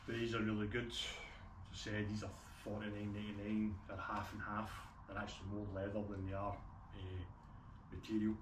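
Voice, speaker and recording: Recorded on a distant mic with roomy echo and clear background noise, this broad-accented Scotsman reviews gear casually and unscripted, keeping it plain-spoken. He speaks briskly in a lowish monotone.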